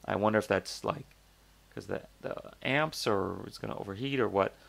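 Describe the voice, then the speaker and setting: A man's voice: fairly low pitch, moderate pace, vocal fry, a bit bright, dry recording. A man hosting a casual product review, thinking aloud with lots of fillers and restarts and a skeptical, conversational manner. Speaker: host reviewing crowdfunding products.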